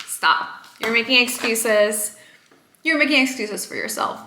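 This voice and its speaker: Her voice a little high, bright and forceful, a Spanish-native lifestyle vlogger talks to the camera at home in a cheerful, encouraging manner. The casual chat is recorded with a roomy echo.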